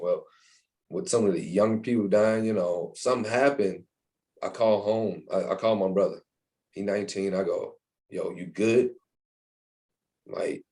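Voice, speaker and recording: A man's voice: low voice, a little mellow. A young man talking casually in an interview, with many restarts and fillers. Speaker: interviewee, university staff member.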